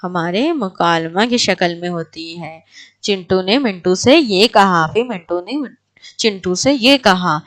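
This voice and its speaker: A woman teaching an exam prep lecture, asking her class questions and then answering them herself. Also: medium pitch.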